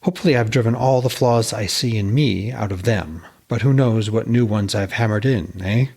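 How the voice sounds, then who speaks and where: Storybook smith, played by a male narrator: hearty family man, chatty and deferential, husky voice with upward swoops. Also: lowish voice, normal speed, a little mellow. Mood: friendly, apologetic. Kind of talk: dramatised reading of a myth tale.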